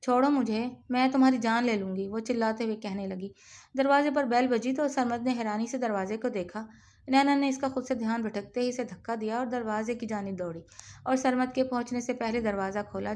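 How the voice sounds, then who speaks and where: A woman reading a dark romance novel aloud in steady, measured narration. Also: a little high. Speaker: audiobook narrator.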